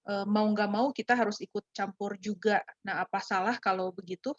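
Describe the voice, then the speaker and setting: A woman's voice: medium pitch, fairly even intonation, a little fast, dry recording, muffled recording. A woman moderator reading out audience questions in a hesitant way with fillers. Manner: hesitant, with filler "eh" between phrases. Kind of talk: hosting a Q&A.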